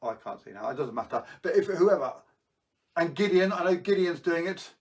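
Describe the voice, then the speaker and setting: A man's voice: a little high, animated, fairly quick. Chatty man, playful kids party magician. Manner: chatty and playful, coaxing the audience to join in. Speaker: magician hosting a live online show. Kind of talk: kids party magician patter, presenting tricks to viewers at home.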